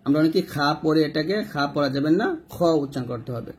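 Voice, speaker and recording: A man teaching Quran reading step by step, spelling out letters and vowel marks and then reciting them slowly and drawn out. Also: a little high, husky.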